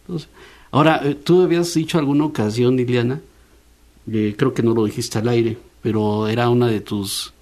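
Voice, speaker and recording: A Mexican man hosts a relaxed university radio chat in a middle-pitched voice. He talks in a loose, easygoing way and keeps checking in with tag questions. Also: moderate pace. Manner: chatty, frequent tag questions. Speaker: radio host. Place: radio studio.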